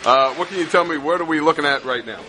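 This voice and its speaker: A man's voice: a little high, fast. A man interviewing a chef on a restaurant tour, with upbeat prompting questions. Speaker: interviewer, supply company rep. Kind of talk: casual walkthrough interview. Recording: noisy background hum.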